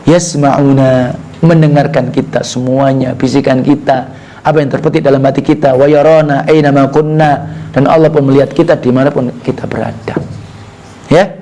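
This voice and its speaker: A man's voice: mid-range voice, fairly even intonation, a little fast, warm tone. An Indonesian man giving an Islamic sermon, reciting Arabic texts, translating them and asking the audience rhetorical questions as he explains. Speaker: Islamic preacher.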